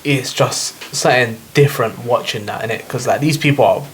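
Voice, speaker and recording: A man's voice: medium pitch, fairly quick, a little hiss or hum. A man chats casually as a guest on a podcast. He rambles in slang and laughs often. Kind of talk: casual chat.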